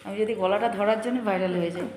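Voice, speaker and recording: A middle-aged woman with a hoarse voice, chatting casually to her viewers in a lifestyle vlog while out near home. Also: medium pitch, racing. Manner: chatty, addresses viewers directly. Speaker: lifestyle vlogger. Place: out and about near home and shops. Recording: loud background noise.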